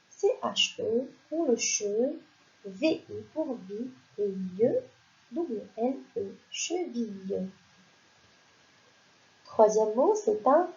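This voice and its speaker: A woman teaching young children to read, spelling out words slowly and clearly, syllable by syllable. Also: a little high, dark tone. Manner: slow, clear, stretches out syllables. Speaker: primary school teacher. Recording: dull lo-fi sound.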